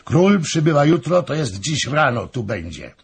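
A hurried army officer, brisk and loud, who calls out his words urgently, as a male reader voices him. The voice is raspy, with lively pitch. This is an audiobook reading. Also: heavily acted. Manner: shouting, urgent.

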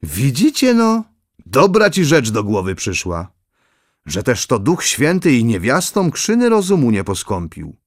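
A fatherly old prince from a storybook, kindly and gently teasing, speaking slowly and with measured calm, as a male narrator plays him. His voice sits at a middle pitch. The recording is close and dry. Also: no echo, heavily acted. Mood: benevolent.

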